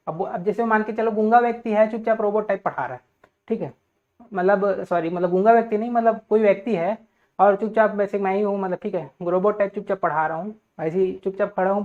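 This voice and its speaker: A man teaching a class, explaining points step by step, checking in with "okay" after nearly every phrase and putting questions to his students. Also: high voice. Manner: repeats "theek hai" constantly, asks students questions. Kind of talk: classroom lecture. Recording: tinny phone-like audio.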